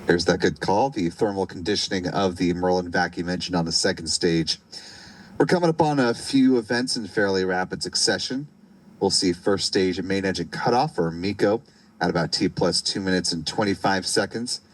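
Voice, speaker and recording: A man giving measured, explanatory live technical commentary as a webcast commentator. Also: low voice, rough recording.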